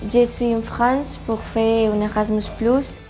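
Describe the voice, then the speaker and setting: A woman's voice: on the high side, steady tone, slow, over music. A young woman from Spain, an apprentice cook giving a short, carefully phrased testimonial. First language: Spanish. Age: young adult.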